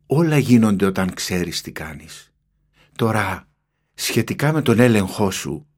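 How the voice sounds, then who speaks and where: A man doing a calm ancient seagull elder. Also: on the low side, breathy edge, pitched below the performer's own voice. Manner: calm, unhurried, matter-of-fact. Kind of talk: audiobook reading.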